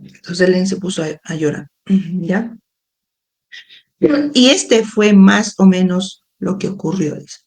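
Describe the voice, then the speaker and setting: A woman hosting a live book club, reading a book aloud and pausing for frequent explanatory asides to her listeners. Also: on the low side, a little mellow. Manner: reads slowly, adds frequent explanatory asides. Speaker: educator and book club host. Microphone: phone or webcam livestream.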